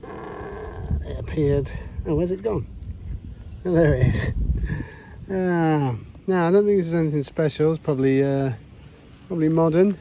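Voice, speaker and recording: A man chatting casually to camera as he metal detects in a pasture field, self-deprecating and quick to exclaim. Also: fairly high pitch, mellow, lo-fi sound, slight background noise. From United Kingdom. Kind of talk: casual self-filmed commentary. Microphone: chest cam or handheld camera.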